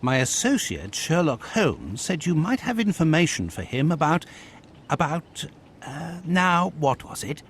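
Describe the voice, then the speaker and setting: A man voicing a proper, fussy gentleman doctor and detective's companion in a video game, with a British accent and a husky voice. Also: on the high side, sing-song, measured pace, slight background noise. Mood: genial. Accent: British English. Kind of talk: dramatic video game voice acting.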